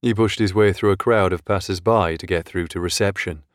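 A man reading a crime thriller audiobook in a measured, steady way. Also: sits low, no echo, clean studio sound. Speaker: audiobook narrator. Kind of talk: scripted audiobook narration.

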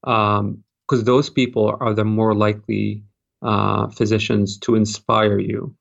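A man from Jordan, a cardiologist, giving measured advice in an interview with many fillers and restarts. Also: fairly low pitch, flat delivery, vocal fry, highs cut off. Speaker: cardiologist, fellowship program director.

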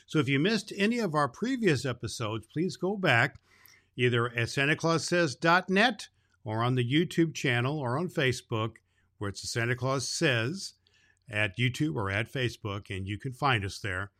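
A man playing Santa Claus as a jolly, grandfatherly old man, talking kindly and haltingly to children as host of a Christmas story show. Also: mid-range voice, lively intonation, fairly bright tone, natural voice. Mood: gentle, explaining. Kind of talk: unscripted, folksy address to child listeners.

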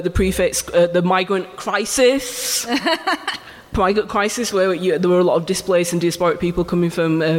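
On an arts venue stage before a live audience, a photographer guest talks in a live conversation, a high-voiced man from England whose first language is Urdu. He's an animated storyteller who laughs as he goes, and the recording has hall reverb with faint ambience.

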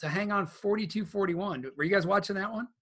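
A man's voice: high-pitched, fast, a bit bright. A man hosting a casual sports podcast, rambling through game recaps with lots of fillers and restarts. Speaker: podcast host.

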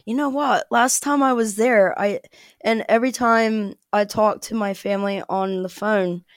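A woman's voice: mid-range voice, fairly even intonation, normal speed, no echo, clean studio sound. A woman from the Midwest, chatting casually as a podcast guest and laughing as she tells stories. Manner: chatty, laughs often while telling stories. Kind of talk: casual chat.

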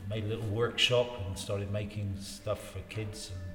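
Casting: man in his 60s, lowish voice, rambling casual storyteller, recorded in a reverberant room with faint noise. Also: flat delivery, sharp tone, soft background music. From Wiltshire, England. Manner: rambling, repeats phrases, halting. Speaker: interview guest in local politics. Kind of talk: casual life-story reminiscing. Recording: roomy reverberant space, faint background noise.

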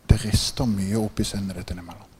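A man preaching a sermon, telling stories with growing excitement, laughing often and checking in with listeners by asking "right?". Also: slight background noise. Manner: gets louder and higher in excited passages. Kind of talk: sermon with animated storytelling.

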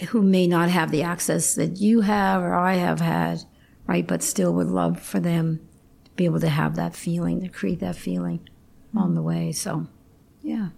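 A woman's voice: lowish voice, level tone, normal speed, vocal fry, darkish tone, slightly rough. A middle-aged woman talking casually and reflectively, often checking in with a "right?" at the end of phrases.

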